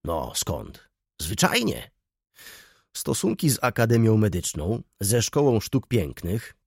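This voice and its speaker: A man voicing a gray-haired elderly councillor who mutters slowly and dismissively, with a husky voice. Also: lowish voice, wildly swooping pitch, no room sound, studio quality, exaggerated voice. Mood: reminiscing. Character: gray-haired elderly male councillor, grumbling beer drinker.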